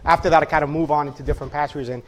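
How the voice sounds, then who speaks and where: A man's voice: on the high side, steady tone, very fast. Man with a Dominican-New York accent. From Dominican Republic, raised in New York. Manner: earnest, rambling with many restarts. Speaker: guest speaker, CAD and GIS manager. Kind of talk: classroom guest talk.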